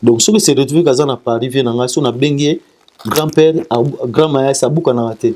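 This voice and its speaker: With slight background noise behind him, a man who sings talks casually as an interview guest and sends greetings. His mid-range voice is a little mellow, and he stumbles, repeating syllables and restarting.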